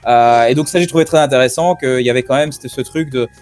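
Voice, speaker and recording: A man talks loosely over a computer call, his voice sitting at an ordinary middle pitch. He rambles and circles back with constant fillers. Faint music plays underneath. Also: fast, darkish tone. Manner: rambling, lots of fillers and "tu vois". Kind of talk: casual group discussion over a call.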